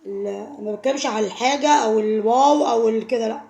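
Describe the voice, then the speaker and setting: A woman's voice: fairly high pitch, quick pace, vocal fry, a little mellow, reverberant. A woman with an Egyptian Arabic accent giving heartfelt, emotional advice to camera, pleading and repeating herself for emphasis. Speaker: vlogger.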